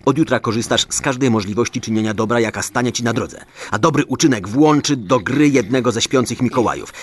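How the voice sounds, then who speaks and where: An actor playing a stern, commanding Santa Claus who threatens in mock-formal phrases, in an audio drama. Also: male voice, mid-range voice, a little fast, slightly rough, close to an everyday voice. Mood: menacing. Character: stern, menacing Santa Claus bent on forcing good deeds.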